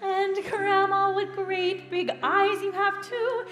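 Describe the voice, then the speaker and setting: A woman's voice: extremely high pitch, steady tone, slow pace, fairly bright tone, exaggerated voice. A woman voicing a sweet, innocent little girl heroine, sing-song and earnest, in a storybook musical. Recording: roomy studio with faint music.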